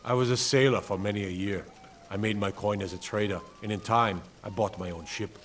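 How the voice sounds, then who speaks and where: An actor playing a gruff, plainspoken retired old sea captain in a fantasy game. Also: male voice, lowish voice, steady tone, a little fast, far from the mic, slight background noise, close to an everyday voice. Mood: gruff, matter-of-fact. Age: older. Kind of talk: video game character dialogue.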